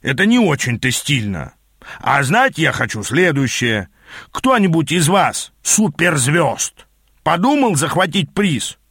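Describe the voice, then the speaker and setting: A man's voice: a little high, very animated, measured pace, fairly bright tone, breathy edge, no echo, clean studio sound, exaggerated voice. A man voicing a bossy, sarcastic demon mentor in a fantasy audiobook. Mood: sardonic. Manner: sarcastic, commanding. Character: gruff, bossy, sardonic male demon mentor.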